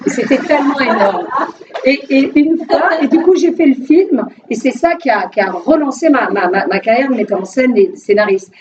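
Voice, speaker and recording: Animated woman telling her story from afar. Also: sits high, normal speed, hardly any pauses. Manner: animated, laughing, with frequent restarts. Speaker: filmmaker giving a personal testimony. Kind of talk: lively storytelling talk to an audience. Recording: distant, dull, slightly noisy room recording.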